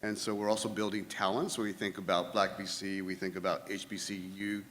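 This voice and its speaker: An energetic man from Houston speaks conversationally as an investor on a panel. His voice is low but bright, and a long reverb from the hall lingers behind it. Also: fairly quick, a little hiss or hum. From Houston, Texas. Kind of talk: panel discussion.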